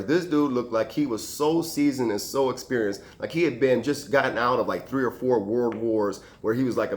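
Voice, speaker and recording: A man tells a story from his time as a firefighter, jumping into other people's voices as he quotes them. His speaking voice sits at an ordinary middle pitch, and the whole account comes across as loose, casual anecdote telling. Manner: animated, acts out quoted voices and sound effects.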